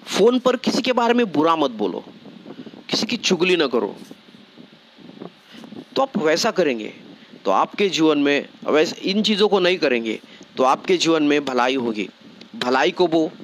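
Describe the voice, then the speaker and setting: Man, preacher, sermon, somewhat high voice, repeats himself, rhetorical questions, faint background noise. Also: fairly bright tone. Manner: repetitive, rhetorical questions, frequent "okay".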